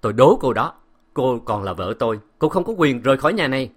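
A man playing a jealous, cruel husband who shouts harsh commands. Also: medium pitch, sing-song, a little fast, voice pushed up. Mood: commanding.

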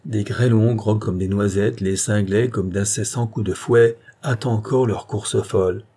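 A man narrating a classic novel in a measured, literary reading style. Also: lowish voice, steady tone, dark tone. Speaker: audiobook narrator. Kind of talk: scripted narration.

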